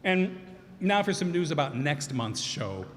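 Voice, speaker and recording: Before a live audience in a reverberant hall with faint background noise, a man who hosts and acts with a community radio theater group thanks the cast and crew at curtain call. His fairly high voice is sing-song and unhurried, and he rambles with fillers, correcting himself as he goes.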